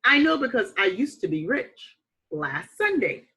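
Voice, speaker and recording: A woman with a voice on the high side reads a children's picture book in a teacherly way, stressing words expressively and pausing for dramatic effect.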